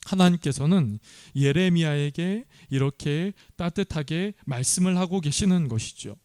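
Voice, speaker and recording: A man's voice: fairly high pitch, darkish tone, no echo, studio quality. A man pastor preaching a sermon earnestly, often asking the congregation questions.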